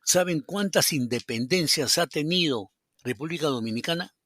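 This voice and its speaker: A man's voice: fairly high pitch, expressive, moderate pace, fairly bright tone, no room sound, clean studio sound. A Peruvian man, a psychologist guest on a podcast, telling anecdotes in a rambling, casual way, with many fillers and acted-out quotes. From Peru.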